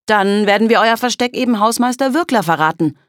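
A woman voicing a boastful, pushy boy who leads a rival gang, in a children's audiobook, speaking brashly and loudly. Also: medium pitch, animated, a little slow, dry recording, clean studio sound, voice pushed up, lightly acted. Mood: cocky. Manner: brash and loud.

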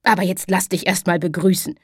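A woman's voice: lowish voice, a little fast, husky, no room sound, clean studio sound. A woman voicing an affectionate, mildly chiding grandmother. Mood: fond. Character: warm, fussing grandmother, older.

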